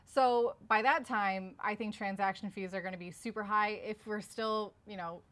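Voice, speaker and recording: A woman's voice: medium pitch, steady tone, moderate pace, fairly bright tone. A woman co-hosting a casual conversational debate, explaining her points in an informal way. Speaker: video creator and co-host.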